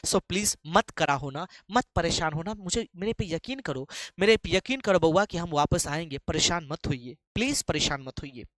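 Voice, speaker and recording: A man's voice: a little high, animated, normal speed, hardly any pauses, fairly bright tone, no echo, studio quality. A man acting out a male poet who keeps pleading with and coaxing his crying beloved. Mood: tender pleading. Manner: pleading, coaxing, repeating endearments.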